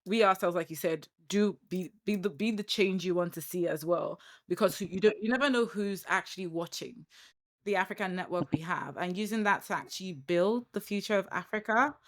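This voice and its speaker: A young woman from Nigeria with a Nigerian accent, hosting a podcast and telling her own stories in a lively, chatty way. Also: on the low side, fairly quick. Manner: animated storytelling with laughs and quoted asides. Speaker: podcast host. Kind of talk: casual interview chat.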